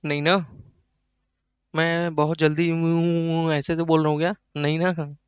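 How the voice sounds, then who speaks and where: A man's voice: fairly high pitch, flat delivery, a little slow, clear, resonant tone, no echo, highs cut off. A man teaching an accounting lecture in a chatty way, talking to students as kids and acting out their questions himself. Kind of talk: online lecture.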